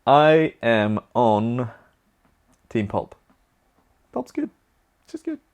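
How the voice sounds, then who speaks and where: A young Belgian vlogger, a native Dutch speaker with a Flemish accent, answers viewer questions in a chatty, upbeat, rambling way. His medium-pitched voice swings hugely in pitch and he draws out his words.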